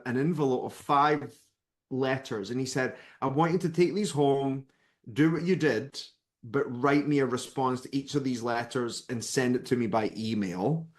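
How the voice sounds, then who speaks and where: A man from Scotland in his thirties, a spiritual author telling a personal story as a guest and acting out the people in it. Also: mid-range voice. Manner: lively narrator who acts out the people in his story.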